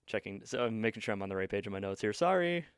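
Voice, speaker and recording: A man's voice: lowish voice, animated, very fast, smooth. Joking man telling a tale while gaming. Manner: joking, distracted, self-interrupting. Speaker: streamer and storyteller. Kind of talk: casual storytelling while gaming.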